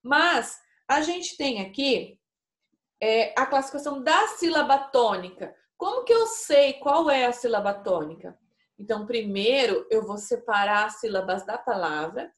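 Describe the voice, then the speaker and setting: A Brazilian woman teacher with a fairly high voice walks young pupils through a lesson step by step. She talks slowly and patiently and keeps checking that they follow. The sound is roomy and echoey, as in a classroom. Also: animated. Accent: Brazilian Portuguese. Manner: patient, slow and explanatory, addresses pupils, checks with "né?" and "tá?". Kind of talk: recorded remote class lesson. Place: classroom with a whiteboard. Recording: echoey room.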